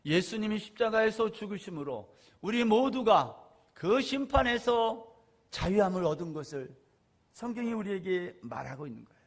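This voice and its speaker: A man with a high, light voice preaches a Sunday sermon. He asks his listeners questions and swings between loud, stressed phrases and soft, low asides. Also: sing-song, normal speed. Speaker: pastor.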